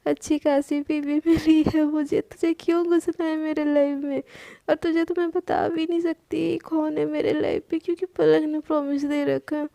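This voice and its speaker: A woman's voice: high voice, little pitch movement, moderate pace, vocal fry, dark tone, no echo. A woman voicing a frustrated, lovesick young woman who complains and pleads in an exasperated, whiny way.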